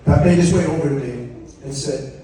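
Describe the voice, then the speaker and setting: A man's voice: mid-range voice, a little fast, dark tone. A middle-aged man, the father of the bride, tells a humorous, anecdotal story in a prepared wedding speech, acting out the remarks he quotes. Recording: echoey room, distant mic, faint noise.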